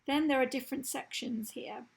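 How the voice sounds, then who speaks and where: A woman's voice: sits high, normal speed, rough recording. A woman losing her voice, explaining step by step in a screen-recorded website tutorial. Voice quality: husky, gravelly.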